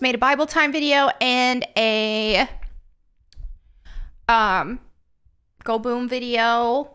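A woman's voice: high-pitched, bright, forceful tone, smooth. A young woman streaming, chatting casually and laughing often as she reads viewer messages aloud. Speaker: streamer reading chat. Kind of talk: casual live-stream chat.

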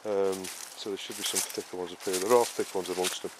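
Noisy outdoor camera audio and rural ambience accompany a man, an allotment gardener and show host, touring his vegetable patch. Speaking fairly quickly in a low, flat voice, he explains his planting step by step in a rambling, casual way, with plenty of fillers and restarts.

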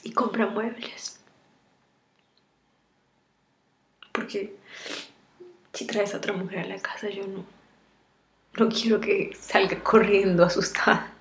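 An actress in her thirties playing a sorrowful woman in a dramatic farewell monologue to her lover, tearful and halting, often breaking into whispers. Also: mid-range voice, steady tone, close to an everyday voice. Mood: subdued sorrow. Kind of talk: dramatic monologue, acted farewell video message. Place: small bare indoor room. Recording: roomy echo of a bare room.

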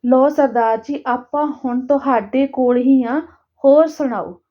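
Woman reading a steady older man, kind but firm, in a high voice, storybook reading. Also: unhurried, dull audio. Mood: concerned.

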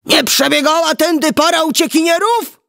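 A woman voicing a huge giant father who calls out loudly after his daughter. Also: high-pitched, moderate pace, vocal fry, no room sound, clean studio sound, voice pushed up. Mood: calling. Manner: calling out loudly. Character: huge bellowing male giant, angry father.

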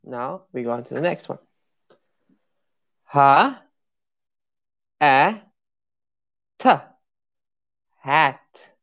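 A woman teaching English pronunciation in a live-streamed lesson, sounding out letters and words slowly and asking viewers to repeat after her. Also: very deep voice, animated, creaky, a bit bright, highs cut off. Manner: encouraging, asks viewers to repeat along.

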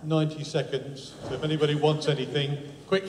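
A man hosting a live event, making brisk, practical announcements to the audience. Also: fairly high pitch, little pitch movement, a little mellow. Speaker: event organiser and host. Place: large echoey hall. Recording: echoey hall, faint room noise.

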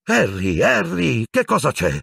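A man's voice: sits low, big pitch swings, moderate pace, gravelly, a little mellow, slightly rough, no room sound, clean studio sound, exaggerated voice. A man voicing a fussy, anxious middle-aged male minister in an audiobook, agitated and placating.

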